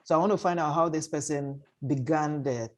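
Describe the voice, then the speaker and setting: A man with a fairly high voice talks fairly fast while hosting a panel discussion on an online video call. He's chatty and informal as moderator, often rephrasing what he's just said.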